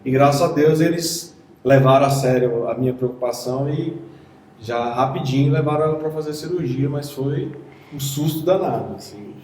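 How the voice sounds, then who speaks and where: A man's voice: medium pitch, moderate pace, a little mellow. Man speaking far from the mic, echoey. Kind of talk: personal account.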